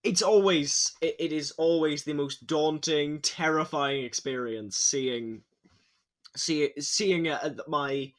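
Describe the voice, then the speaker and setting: An Irish audio drama actor chats casually and effusively behind the scenes, often stammering and restarting his phrases. His voice is fairly high-pitched, and he takes it slowly.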